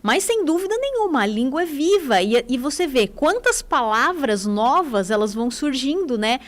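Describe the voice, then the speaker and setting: Brief: Brazilian woman, forties, fairly high voice, chatty enthusiastic radio guest. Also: very animated, normal speed. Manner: chatty, enthusiastic, many tag questions. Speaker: radio guest, English teacher. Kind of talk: casual radio conversation.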